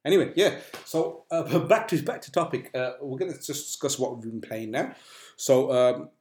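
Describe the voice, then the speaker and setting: A man chats as a podcast host, wandering through his thoughts with plenty of uhs and restarts. His voice sits in a middling range. The room gives a clear echo. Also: medium pitch, moderate pace, darkish tone. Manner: rambling, full of uh and restarts. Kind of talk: casual chat. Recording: echoey room.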